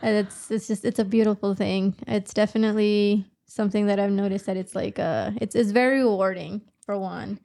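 A woman's voice: medium pitch, fairly even intonation, brisk, gravelly, few pauses, dark tone. A woman in her thirties co-hosting a podcast, chatting casually and animatedly, laughing often and swearing now and then. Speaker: podcast co-host. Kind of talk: casual chat.

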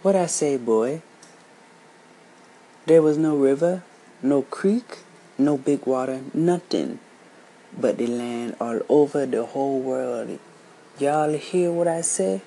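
A man voicing a stern old grandmother telling a tale, with a gruff, scolding drawl. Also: mid-range voice, slow pace, a little mellow, a little hiss or hum, low-quality recording.

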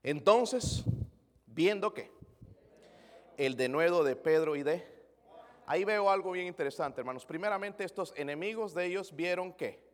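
High-voiced preacher in an echoing hall. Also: male voice, animated, normal speed, long pauses. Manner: preaching with rhetorical questions to the congregation; mixes English words into his Spanish. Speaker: pastor. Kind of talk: sermon.

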